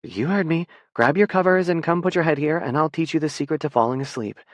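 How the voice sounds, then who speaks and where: A man voicing a playful, outspoken young woman, lifting his voice higher than his narration. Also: quick pace, dry recording, clean studio sound, lightly acted. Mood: bossy.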